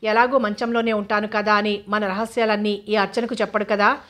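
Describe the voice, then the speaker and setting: A woman's voice: mid-range voice, flat delivery, brisk, close to an everyday voice. A woman voicing a stammering, anxious male servant. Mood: hushed. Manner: stammering, hushed.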